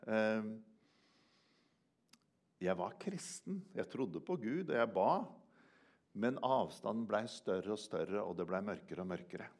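An older man preaching a sermon in a church, earnest, swinging from loud emphasis to hushed quiet. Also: lowish voice, lively intonation, pauses often. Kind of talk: sermon with personal testimony.

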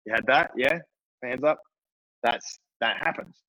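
A business coach instructs tradespeople on selling by phone, speaking loosely and casually in a conversational way packed with fillers. His mid-range voice moves a little slowly and has a sharp edge. The recording is low quality, with no room sound.

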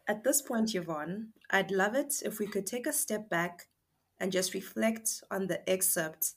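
A woman with a Zimbabwean accent co-hosting a podcast, speaking in a thoughtful, measured way. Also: medium pitch, breathy edge. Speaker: podcast co-host. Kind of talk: casual discussion.

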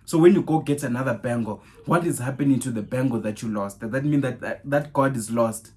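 A man delivering a sermon in a mid-range voice, warmly chatty with his listeners. He fires rhetorical questions back to back and keeps asking "right?". When he quotes scripture he turns louder and more animated. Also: mid-range voice, a little fast. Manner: animated, raises voice on Bible quotes. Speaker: preacher. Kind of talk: podcast sermon.

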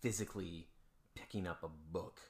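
A man's voice: low-pitched, fairly even intonation, moderate pace. A man co-hosting a podcast, teasing and laughing in casual chat with some swearing. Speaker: podcast co-host.

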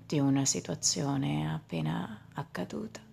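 A woman leading a guided meditation in a slow, soft voice that often drops into a whisper. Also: deep voice, gravelly, a little hiss or hum.

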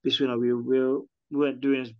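A man's voice: mid-range voice, level tone, fairly quick, clear, resonant tone, lo-fi sound. A man who owns a catering business, talking casually in an interview and retelling what his customers said. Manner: chatty, restarts often, retells customer quotes.

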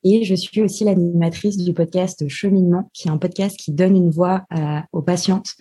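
A woman's voice: fairly low pitch, fairly even intonation, moderate pace, warm tone, husky. A woman guest on a podcast interview, explaining her work with many hesitations. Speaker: podcast guest, digital marketer.

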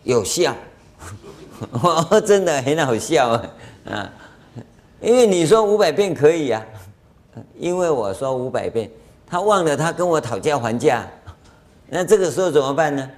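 A man's voice: on the high side, moderate pace, pauses often. A man with a Taiwanese Mandarin accent giving a Buddhist dharma lecture as a master, telling anecdotes and acting out dialogue with chuckles. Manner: animated storytelling, acts out dialogue, chuckles. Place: lecture hall.

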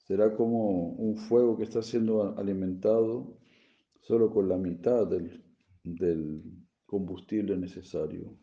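A man, a swami, giving a sermon-style scripture class, explaining gently with frequent tag questions and chuckling at his own jokes. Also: sits low, steady tone, unhurried. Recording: echoey room, dull lo-fi sound.

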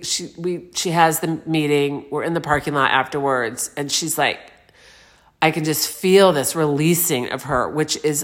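A woman in her forties speaks in a notably deep, low register. She muses aloud in an earnest, meandering way, often restarting her sentences. Her wording is gentle and spiritual. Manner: soft-spoken spiritual vocabulary. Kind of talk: personal reflective monologue.

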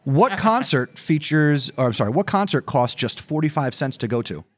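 Husky man joke teller with lively pitch. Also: moderate pace, no echo. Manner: setup and punchline delivery. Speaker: host telling dad jokes. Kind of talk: joke teller, delivering one-liner dad jokes.

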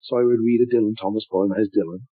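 An older man reminiscing in a rambling, thoughtful way, with many pauses and restarts. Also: on the low side, steady tone, husky, dry recording. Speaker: interviewee. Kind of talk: reflective storytelling. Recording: tinny phone-like audio.

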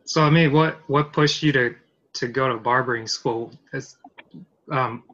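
A man's voice: medium pitch, measured pace, a bit bright. Easygoing male podcast host, lo-fi sound. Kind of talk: casual interview questions. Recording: dull lo-fi sound with faint music.

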